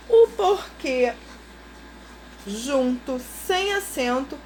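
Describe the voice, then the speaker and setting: Slow, high-voiced patient woman teacher. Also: a little hiss or hum. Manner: slow, patient, explains step by step and checks with "ok?". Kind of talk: recorded remote lesson for schoolchildren.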